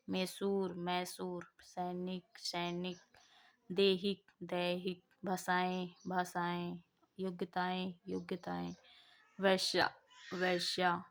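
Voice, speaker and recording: A woman teaching an exam prep class, slowly reading out words twice each and putting in quick asides to her students. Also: lowish voice, gravelly. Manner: slow, deliberate repetition of each word. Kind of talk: spelling drill lesson, reading words twice.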